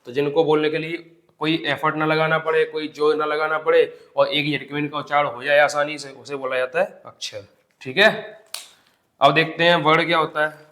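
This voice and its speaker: A man teaching a Hindi grammar lesson for exam preparation, explaining step by step, repeating definitions, asking the class rhetorical questions and drawing out example words slowly. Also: fairly high pitch, flat delivery, sharp tone. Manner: addresses students as "bhai". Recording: echoey classroom sound.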